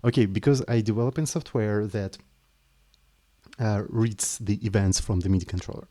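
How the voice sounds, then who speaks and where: A man whose warm voice sits on the low side talks at an ordinary speed. He's casually chatting on a live stream while explaining code, his second-language English hesitant, apologetic and full of restarts.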